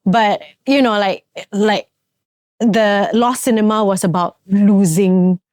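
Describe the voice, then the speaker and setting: A woman's voice: mid-range voice, steady tone, slow, a little mellow, dry recording. Reflective Singaporean woman, dry close sound. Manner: reflective, frequent fillers and restarts. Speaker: podcast co-host and theatre actress. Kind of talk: casual podcast chat.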